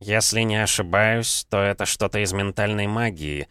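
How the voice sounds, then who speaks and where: A man voicing a polite, cautious castle butler who speaks in a formal, measured and slightly hesitant way. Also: lowish voice, fairly even intonation, a bit bright, clean tone, no room sound, clean studio sound, pitched above the performer's own voice, close to an everyday voice. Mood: thoughtful.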